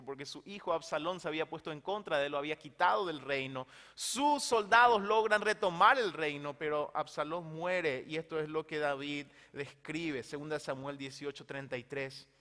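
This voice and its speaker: A man's voice: fairly high pitch, sharp tone. A man preaching a sermon and reading scripture dramatically, his voice rising and falling. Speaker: pastor. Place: church hall. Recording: reverberant church hall.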